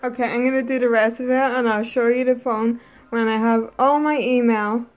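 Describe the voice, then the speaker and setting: Excitable woman vlogging, higher voice. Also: normal speed. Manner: excitable, gushing, with gasps and laughter. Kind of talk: casual vlog to camera.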